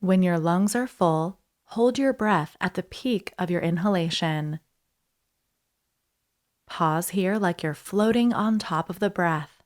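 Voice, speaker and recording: A woman instructor leading a guided breathing meditation in a soothing, unhurried way, leaving pauses between short instructions. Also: on the low side, darkish tone.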